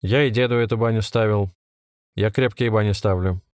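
A man voicing a calm, wiry village man, a sly bathhouse builder who speaks folksy and teasing, in a storybook reading. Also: on the low side, moderate pace, no room sound, clean studio sound, close to an everyday voice.

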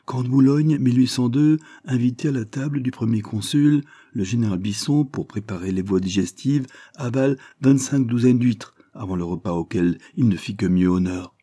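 A man voicing a husky, boastful French captain. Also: medium pitch, dark tone, no room sound, studio quality, pitched above the performer's own voice, close to an everyday voice. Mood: proud. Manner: quick, proud retorts. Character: boastful witty male French army captain.

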